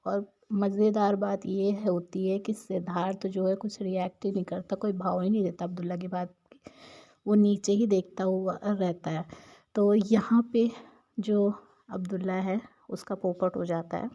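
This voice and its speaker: Woman vlogger, casual show recap, chatty and opinionated, mellow tone, dull lo-fi audio. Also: medium pitch, level tone, normal speed. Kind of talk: casual episode recap narration.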